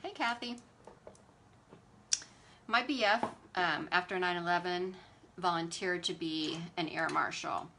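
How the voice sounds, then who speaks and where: A woman's voice: fairly low pitch, a little slow, long pauses, sharp tone, slight background noise. A woman, chatting animatedly and with exasperated sass while hosting a beauty livestream. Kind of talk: casual livestream chat while doing makeup.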